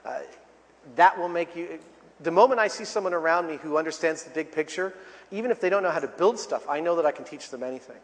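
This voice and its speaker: A man's voice: on the high side, fast. A man answering audience questions at a live talk, enthusiastic and loose, with some swearing. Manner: enthusiastic, loose, a bit profane. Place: large hall at a convention. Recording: large hall with audience.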